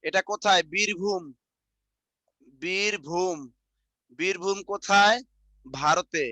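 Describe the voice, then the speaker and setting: A man with a Barishal Bengali accent teaching an online exam-prep lecture, repeating points slowly for students to write down, with chatty asides. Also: high voice, bright, forceful tone, no echo. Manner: repetitive dictation, chatty asides.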